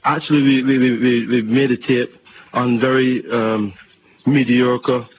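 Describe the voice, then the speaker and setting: A man's voice: mid-range voice, level tone, a little slow, narrow, tinny audio, noisy background. A man from Barbados, a guest on a radio interview, who talks hesitantly and repeats words.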